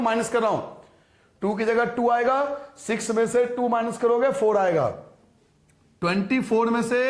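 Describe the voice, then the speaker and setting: A male maths teacher with a high, light voice talks his class through each step, repeating numbers and checking that they follow. He asks questions and answers them himself. The sound echoes around the room. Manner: patient, repetitive explaining, addresses students as beta; rhetorical questions to students. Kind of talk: recorded classroom lesson.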